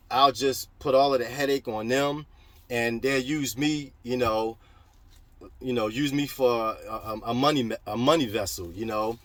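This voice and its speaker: A man's voice: medium pitch, fairly bright tone, dry recording. A middle-aged American man talking casually to viewers in a rambling, plain-spoken vlog style, repeating phrases as he gives advice. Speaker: vlogger and trucking business owner. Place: in a parked truck cab.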